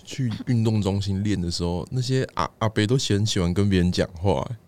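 A man's voice: lowish voice, quick pace, darkish tone, no echo. A man with a Taiwanese Mandarin accent, a fitness coach guest chatting offhandedly on a podcast. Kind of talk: casual chat.

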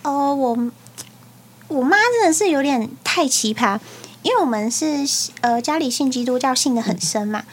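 Young woman, taiwanese mandarin accent, high voice, frank storytelling, podcast co-host. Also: lively intonation, normal speed. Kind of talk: casual chat.

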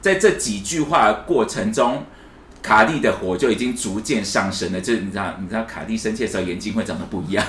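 A man's voice: lowish voice, fast, fairly bright tone. A man, co-hosting a casual podcast chat and telling a story while acting out the quoted lines. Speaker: podcast co-host. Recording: echoey room, faint hiss.

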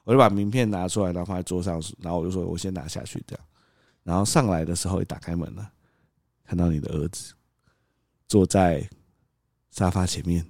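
A father co-hosting a podcast animatedly acts out a story about his toddler, laughing often, in a casual storytelling chat. His voice is low and his delivery brisk, broken by long pauses. The studio sound is clean with no echo.

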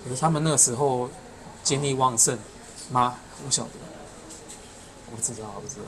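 A man's voice: mid-range voice, a little fast, crowd noise, rough recording. A middle-aged man co-hosting a podcast, musing hesitantly in casual chat and trailing off. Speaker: podcast co-host.

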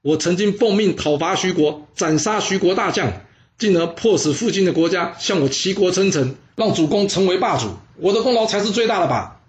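A man's voice: high-pitched, expressive, brisk, slight background noise, voice pushed up. A man voicing a proud warrior general of an ancient court, boasting of his deeds and then raging at being slighted. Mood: boastful. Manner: indignant, boastful. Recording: dull lo-fi sound.

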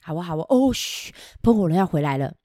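A woman storyteller, reading a picture book to children in an animated way, often asking them questions and adding playful sound effects. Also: on the low side, fast talker, no echo, studio quality.

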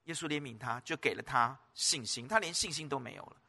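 A man's voice: mid-range voice, a little fast, creaky, bright, forceful tone, slightly rough. A man preaching a sermon as pastor, emphatic, repeating words and asking the listeners rhetorical questions.

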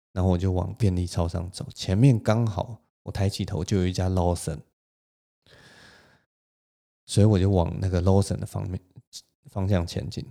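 Low mellow Taiwanese Mandarin man. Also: creaky. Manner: animated, laughs between lines. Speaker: podcast host. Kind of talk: solo storytelling.

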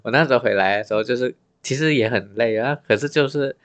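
A man's voice: medium pitch, fast, fairly bright tone. A man from Malaysia, casually sharing personal stories as a podcast co-host. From Penang, Malaysia. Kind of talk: casual chat, personal travel anecdotes.

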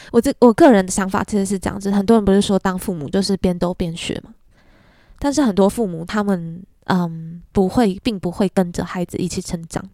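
Young taiwanese-accented woman rambling on her podcast, mellow warm voice, dry close sound. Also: medium pitch, no echo. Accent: Taiwanese Mandarin. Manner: chatty storytelling, frequent self-mocking laughs. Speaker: podcast host. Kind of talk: casual monologue.

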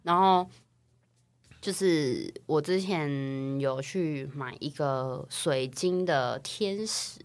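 A young woman from Taiwan, co-hosting a casual podcast chat and telling personal stories in a chatty, animated way. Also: low voice, takes it slowly. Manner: chatty, animated storytelling with rising excitement. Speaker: podcast co-host.

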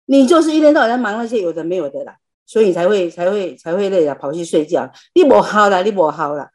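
A man's voice: high-pitched, expressive, quick pace. A woman voicing her blunt, scolding middle-aged husband, over a video call. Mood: irritated scolding. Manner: nagging, dismissive.

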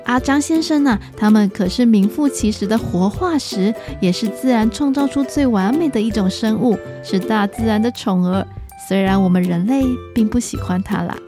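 A woman's voice: medium pitch, normal speed, over music. A woman storyteller narrating for small children, talking to them as if reading to a toddler.

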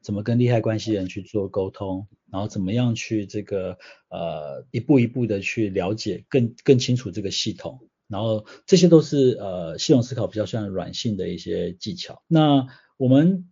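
Guest expert, male, low mellow voice, patient explainer; slightly dull recording. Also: expressive, normal speed, breathy edge. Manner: patient, explains through everyday examples. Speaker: guest, systems change consultant. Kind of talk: explanatory interview answers.

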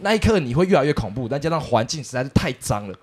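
A man telling a story as a podcast co-host, animated and acting out the people in it. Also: medium pitch, very fast, breathy edge. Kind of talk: casual storytelling chat.

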